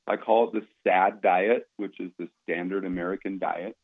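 Man in his fifties, very low voice, phone-thin sound; relaxed explainer who restarts his sentences often. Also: normal speed. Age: 50s. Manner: easygoing, explanatory, repeats words as he restarts. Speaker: company founder talking about supplements. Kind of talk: casual interview talk. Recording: tinny phone-like line.

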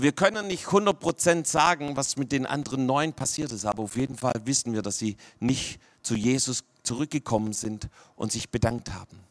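This pastor, from Swabia in Germany, addresses his congregation in a sermon with a mid-range, fairly bright voice. He often checks in by saying "ja?" and drops almost to a whisper for emphasis.

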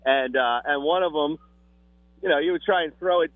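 A radio morning show host phoning in from an outdoor concert, chatting in an upbeat, joking way over a phone line that cuts out. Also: male voice, a little high, normal speed, no room sound. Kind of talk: casual on-air chat. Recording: dry, tinny phone line.

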